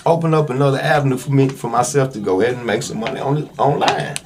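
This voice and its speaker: A podcast guest who acts and makes online comedy skits tells stories in a casual, slangy, conversational way, with a Southern US accent. His mid-range voice moves fast, with music playing behind him.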